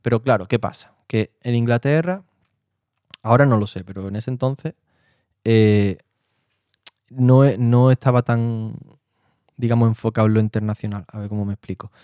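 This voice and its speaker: A man's voice: medium pitch, normal speed, pauses often, warm tone, dry recording, studio quality. A man from Spain, an actor and director, telling his story in a casual interview. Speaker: interview guest. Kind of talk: casual chat.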